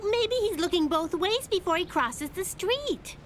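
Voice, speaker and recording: A woman voicing a quick-witted, confident little girl in a children's cartoon, with a cheeky, matter-of-fact way of talking. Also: extremely high pitch, animated, a little hiss or hum. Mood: skeptical. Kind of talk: animated children's cartoon dialogue. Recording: loud music under the voice.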